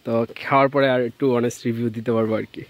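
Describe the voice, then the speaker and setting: A travel vlogger from Bangladesh narrates a casual vlog while walking outdoors on rural trails through a village and a tea garden. His commentary is chatty and relaxed, mixing in English words, delivered rapid-fire in a mid-range voice with no room sound.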